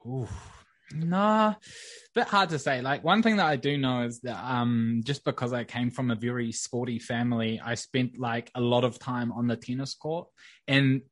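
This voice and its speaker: A young man from New Zealand with a New Zealand accent, chatting casually as a podcast guest in a relaxed, rambling way. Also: mid-range voice, moderate pace, no echo. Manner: relaxed, rambling with many fillers. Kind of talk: casual interview.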